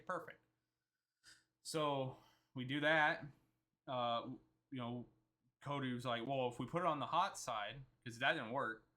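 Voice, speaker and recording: A man's voice: medium pitch, pushed and bright. A man recapping a trip in casual, rambling storytelling, often quoting himself and others. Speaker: vlogger.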